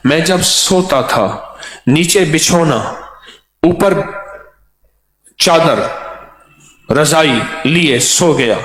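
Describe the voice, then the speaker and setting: A man preaching a devotional sermon, chanting verses and couplets in a melodic, repetitive way, with emotional drawn-out delivery. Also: fairly high pitch, fairly bright tone, echoey room.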